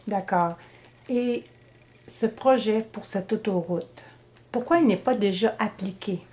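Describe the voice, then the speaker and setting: A woman's voice: medium pitch, a little slow, a little mellow. A woman interviewer asking plain follow-up questions. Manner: plain, prompting follow-ups.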